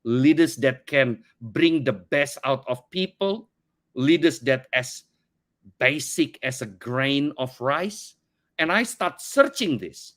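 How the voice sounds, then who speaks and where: A company CEO from Indonesia, middle-aged and speaking English as his second language, takes it slowly in a conversational podcast interview. His mid-range voice is expressive with a fairly bright tone, and he earnestly tells his story, repeating words often as he searches for phrasing.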